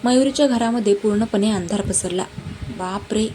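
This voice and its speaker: A woman narrating a romance story in a dramatic, even-paced reading. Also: mid-range voice, a little fast. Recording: noisy background hiss.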